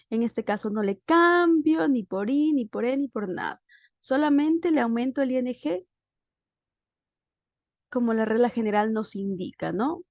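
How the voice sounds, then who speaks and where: A woman's voice: fairly high pitch, darkish tone, no echo. A woman teacher giving a recorded lesson, explaining step by step with patient checking questions. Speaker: English teacher. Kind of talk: recorded grammar lesson over slides. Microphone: voice-over on a screen recording. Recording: dull, dry lo-fi sound.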